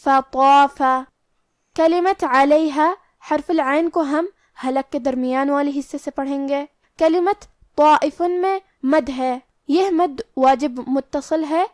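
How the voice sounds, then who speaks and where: A woman teaching the rules of Quran recitation, explaining each pronunciation point slowly and carefully, step by step. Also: high voice, a little mellow, dry recording, clean studio sound. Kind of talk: tajweed lesson.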